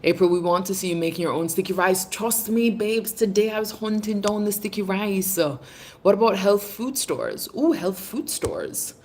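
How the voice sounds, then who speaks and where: Chatting casually on her livestream and reading viewer comments, an English woman in her thirties affectionately calls her audience babes and darling. Her accent blends British English and Jamaican, and her medium-pitched voice is expressive and darkish, at a moderate pace.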